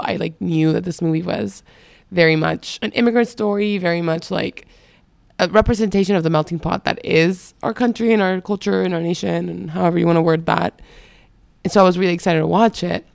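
Low gravelly woman co-hosting a podcast. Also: a little mellow, dry recording. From Venezuela. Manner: playful, teasing. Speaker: podcast co-host. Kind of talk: casual chat.

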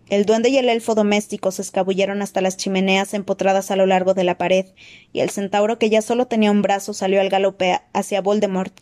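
A woman reading a fantasy novel aloud as interpretive audiobook narration. She tells the action with expressive, dramatic delivery. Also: mid-range voice. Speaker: audiobook reader.

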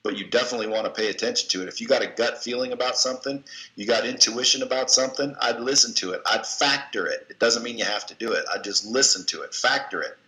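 He talks fast, his medium-pitched voice pushed and bright. The recording, made in an echoey room, captures an interview guest dispensing blunt, folksy coaching advice with casual profanity in a motivational chat.

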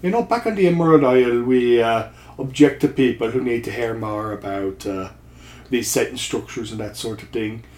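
A man putting on a teasing, jovial stage Irishman with an exaggerated Irish accent and a higher, sing-song voice. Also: normal speed, lightly acted. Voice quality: sing-song, higher and louder than his own voice. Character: teasing, jovial stage Irishman who loves his pint. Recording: echoey room.

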